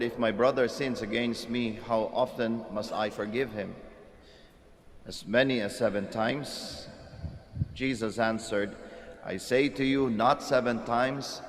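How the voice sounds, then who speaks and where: A man's voice: mid-range voice, slight background noise. A man solemnly proclaiming the Gospel reading at Mass, with his voice ringing in a cathedral echo. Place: large church. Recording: long church hall reverb.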